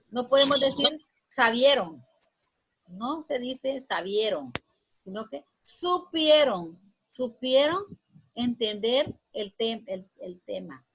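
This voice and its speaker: A woman teacher giving a grammar lesson, patiently repeating words slowly for her students. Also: on the high side, husky, rough recording.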